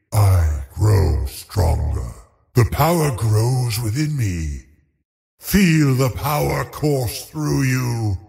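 Video game lich villain, cold and cruel, low swooping delivery, cavernous reverb, theatrical menace. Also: male voice, vocal fry, a little mellow, full character voice. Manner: menacing, theatrical, deliberate and gloating. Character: sinister undead lich sorcerer, cold, haughty, savoring cruelty.

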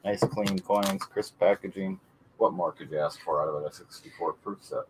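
A man's voice: deep voice, moderate pace, noisy background. A man hosting a live coin auction, joking and reading bids from chat. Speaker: auction host. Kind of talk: casual live auction banter.

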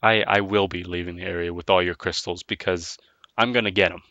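A man with a cold, sniffling a bit, hosts a let's play, rambling through casual gameplay commentary, talking to himself and making playful jokes at the game. His low voice keeps a steady tone at a fairly quick pace. The lo-fi recording is noisy, with loud game music in the background.

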